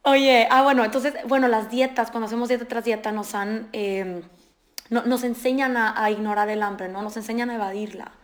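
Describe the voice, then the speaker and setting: Animated woman nutritionist. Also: fairly high pitch, normal speed. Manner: animated, explanatory, acts out patients' quotes. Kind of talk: casual podcast conversation.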